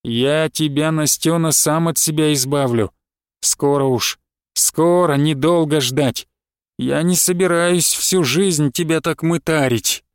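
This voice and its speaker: A man's voice: a little high, clear, resonant tone, no echo, studio quality. A man reading aloud and voicing a spiteful, embittered husband who drags his words out with a sneer and flares into angry outbursts. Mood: sneering bitter. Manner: sneering, drawn-out, flaring into shouts.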